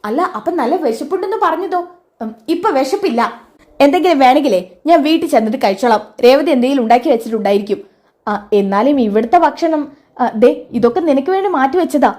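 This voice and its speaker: High-voiced woman retelling a serial. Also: expressive, a little fast, darkish tone. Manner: narrates scenes and acts out every character's lines herself. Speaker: serial episode recapper. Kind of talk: casual retelling of a TV serial episode.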